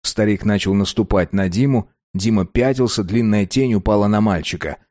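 A man narrating an audiobook in a steady, measured way. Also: fairly low pitch, dry recording, studio quality.

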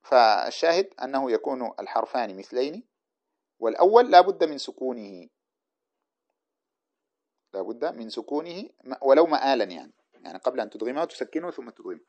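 A man teaching a classroom lecture, reading a grammar text aloud and explaining it line by line in a brisk, explanatory way. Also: medium pitch, big pitch swings, darkish tone. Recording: dull lo-fi recording.

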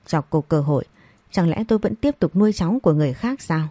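A woman's voice: fairly low pitch, animated, quick pace, mellow, dry recording. A woman voicing a harsh, domineering mother-in-law. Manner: cold, commanding.

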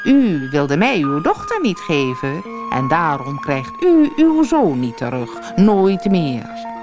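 A woman voicing an ugly, spiteful male dwarf in a storybook reading, speaking slowly and slyly with a menacing edge. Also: on the low side, big pitch swings, over music. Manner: slow, sly and menacing.

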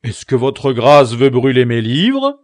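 A man playing an indignant simple innkeeper, loud, aggrieved, lively storybook voice, dry close sound. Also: medium pitch, slow, no echo, voice pushed up.

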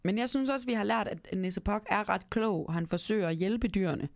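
A woman reading a Christmas storybook aloud and talking gently to the listener, then chatting casually. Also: medium pitch, creaky, no room sound. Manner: gentle, speaks to the listener directly. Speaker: storyteller and podcast host.

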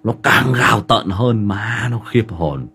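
A man's voice: on the low side, expressive, measured pace, pushed and bright, slight background noise. A man with a Northern Vietnamese accent, hosting a livestream and telling a family story in a casual, rambling way full of filler words. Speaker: livestream host.

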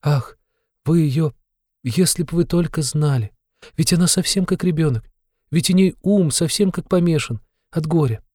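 A man's voice: medium pitch, brisk, a little mellow, no echo, studio quality, pitched above the performer's own voice, lightly acted. A man voicing a frightened, timid young woman who speaks in a plaintive, trembling way. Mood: anguished.

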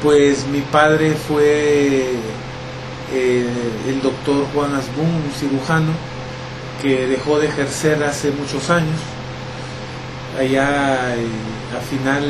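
A man's voice: medium pitch, background noise. Reflective man, hesitant. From El Salvador. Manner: reflective, many fillers and hesitations. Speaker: interviewee. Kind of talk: relaxed conversational interview.

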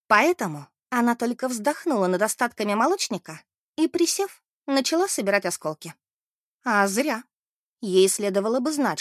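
A woman narrating a novel aloud in an expressive, measured way. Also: medium pitch, no echo, studio quality.

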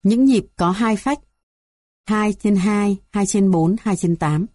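A woman reads a music theory textbook aloud in a mellow, warm voice. Her delivery is even and measured, moving steadily through numbered items. The recording is dry and close. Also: mid-range voice, dry recording. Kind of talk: scripted textbook narration.

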